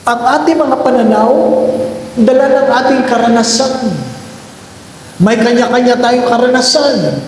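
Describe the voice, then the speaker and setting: A middle-aged priest preaches in a high voice with slow, deliberate phrasing. He repeats his key lines for emphasis. The sound is roomy, with long church reverb and a faint hum of ambience behind him. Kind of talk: sermon.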